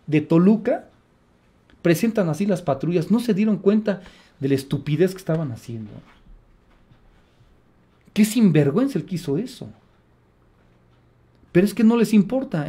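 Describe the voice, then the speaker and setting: Mexican male radio commentator, indignant and mocking, voice sits high. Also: warm tone. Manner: sarcastic, indignant. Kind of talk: opinion commentary broadcast.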